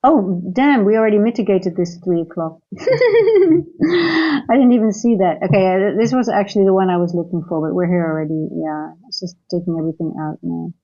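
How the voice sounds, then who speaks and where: A woman's voice: mid-range voice, animated, moderate pace, warm tone, highs cut off. A woman who grew up in Singapore, hosting a live trading stream and thinking aloud as she goes, with many fillers and restarts. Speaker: trading livestream host. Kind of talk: live market commentary and viewer chat.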